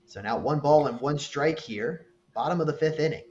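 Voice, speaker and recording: Measured male baseball commentator, dull remote audio. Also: on the high side, darkish tone. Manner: measured, explanatory, many fillers. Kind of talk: live sports commentary.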